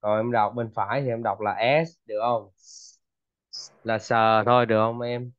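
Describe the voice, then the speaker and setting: A man's voice: lowish voice, little pitch movement, moderate pace, narrow, tinny audio, a little hiss or hum. A man with a Vietnamese accent tutoring a student in English pronunciation, patiently repeating words. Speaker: English teacher.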